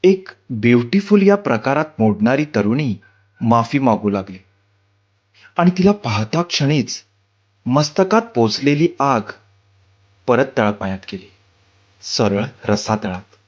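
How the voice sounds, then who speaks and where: A man narrating a love story in the first person, expressive and dramatic. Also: mid-range voice, slow, pauses often, lo-fi sound. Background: faint music.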